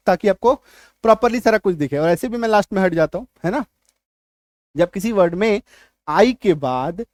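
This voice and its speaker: A man's voice: sits high, a little mellow, no echo, studio quality. A man, teaching English spelling rules at a whiteboard. He spells words out letter by letter, checks often whether students follow, and answers his own questions. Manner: repeats key points as questions and answers them. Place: classroom at a whiteboard.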